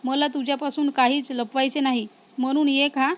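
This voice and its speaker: A woman reading the lines of a tender young man in a storybook romance, in a soft, even way. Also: sits high, normal speed, natural voice.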